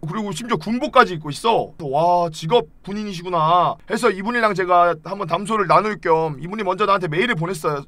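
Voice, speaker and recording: A young man streaming a game from home, chatting casually and yelling and swearing at the game. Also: high voice, no echo. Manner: hot-tempered, yells and swears at the game.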